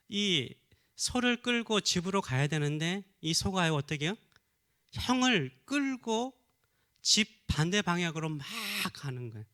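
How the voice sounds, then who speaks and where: A man's voice: high-pitched, pushed and bright. A middle-aged male pastor from Korea preaching a sermon, telling a story and then crying out fervently in prayer.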